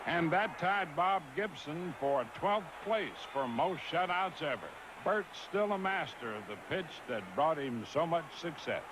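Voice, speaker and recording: A man reading the scripted narration of a baseball feature with a measured, punchy delivery. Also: on the high side, lively intonation, background noise.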